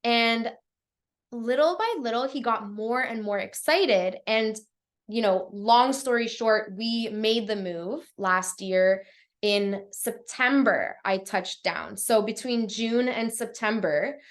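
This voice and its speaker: Female life coach, slightly higher voice, loose chatty delivery full of "like", on a live video call. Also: slow pace. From Canada. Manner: casual, swearing, lots of fillers. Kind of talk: live-streamed coaching talk. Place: Portugal.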